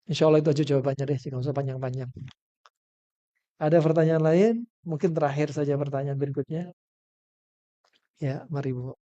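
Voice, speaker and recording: A man giving an Islamic religious lecture, animated, with emphatic loud rising bursts. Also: fairly high pitch, brisk, long pauses, no room sound, highs cut off. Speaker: Islamic preacher.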